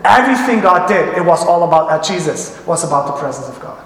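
A man preaching a sermon as pastor, telling a family story with halting restarts. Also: on the high side, sing-song, a bit bright. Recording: echoey hall reverb.

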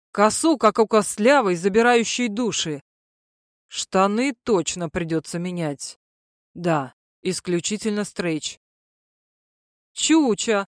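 A woman's voice: mid-range voice, no echo, clean studio sound. A woman reading a first-person comic novel aloud in a wry, mocking storytelling manner. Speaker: audiobook narrator.

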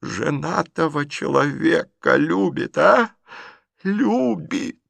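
Man reading as a fiery elderly aunt, scolding, blunt, gravelly, dry studio read. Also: a little high, expressive, takes it slowly, fairly bright tone, dry recording, voice pushed up, exaggerated voice. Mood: indignant. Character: fiery, sharp-tongued elderly aunt, a woman.

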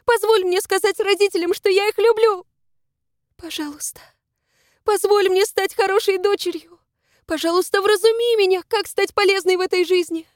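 Woman reader doing a desperate young heroine, sobbing, pleading, very high voice, dry close sound. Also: steady tone, moderate pace, dry recording. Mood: praying. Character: desperate young woman hanging over a cliff.

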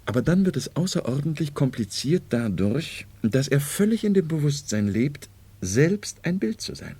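A man acting a calm, self-assured doctor in a 1970s radio drama, explaining in a measured, lecturing way. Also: on the high side, slightly rough. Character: learned doctor, calm, lecturing, sure of himself.

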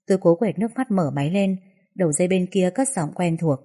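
A woman narrating a first-person story in a soft, sorrowful way. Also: on the low side, lively intonation, fast talker.

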